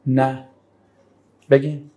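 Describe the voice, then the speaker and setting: Male religious teacher, classroom Quran lesson, middling pitch, slow verse recitation, rapid-fire questions to the class, brushes off wrong answers. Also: completely flat delivery, warm tone. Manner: quizzes students again and again, brushing off answers; recites Arabic verses slowly, then glosses them in colloquial speech.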